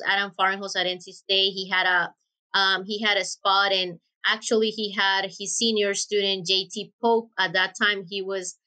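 A woman's voice: mid-range voice, pushed and bright. A woman in her thirties from Honduras with a Honduran Spanish accent, answering interview questions thoughtfully with many hesitations. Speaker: guest researcher. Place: office with window blinds. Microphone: webcam video call.

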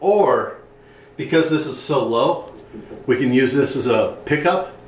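A boat owner refitting his sailboat talks casually as he works inside it, explaining the plumbing and wiring step by step in a matter-of-fact way. His mid-range voice has lively intonation and a measured pace. The rough recording is reverberant and distant, with slight background noise.

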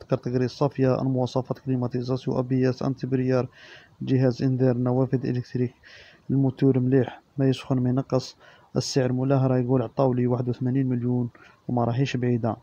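A man with an Algerian Arabic accent reading out used-car listings and prices as the regular presenter, in a steady listing manner. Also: medium pitch, lo-fi sound. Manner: monotone listing of specs and prices.

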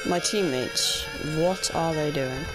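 A woman's voice: low-pitched, takes it slowly, low-quality recording. A woman with a British accent commentating on her gameplay as an exasperated, exclaiming raging gamer. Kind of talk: gaming commentary. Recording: game music behind the voice. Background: loud video game music.

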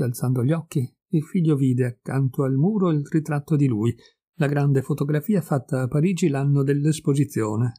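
A man reading a classic short story aloud, measured and expressive. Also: mid-range voice, slightly rough. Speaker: audiobook reader. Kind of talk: literary reading.

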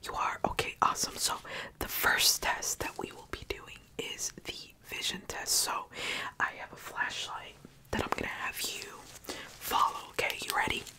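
Young woman's brisk whispered role-play ASMR. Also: rough recording. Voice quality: breathy, unvoiced whisper. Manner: brisk whispered ASMR delivery, short clipped instructions. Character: brisk, polite examiner giving a quick check-up. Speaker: ASMR performer playing a medical examiner. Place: small bedroom, indoors. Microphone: large covered microphone very close to the mouth.

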